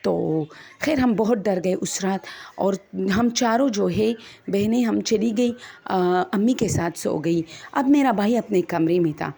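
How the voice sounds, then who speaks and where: A woman's voice: medium pitch, creaky, mellow. A woman, chattily retelling a first-person ghost story to her listeners as friends and acting out the quoted dialogue.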